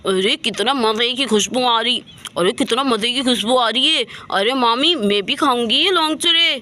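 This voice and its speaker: Woman putting on a high whiny little girl, begging over and over, bright voice. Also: moderate pace. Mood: eager. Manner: pleading, repetitive whining. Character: little girl Bunty, whiny and greedy for snacks.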